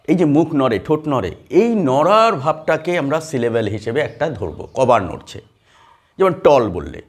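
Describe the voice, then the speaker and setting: In a classroom with a board, a man with a medium-pitched, slightly mellow voice teaches English grammar. He explains step by step, using many fillers and asking the students questions.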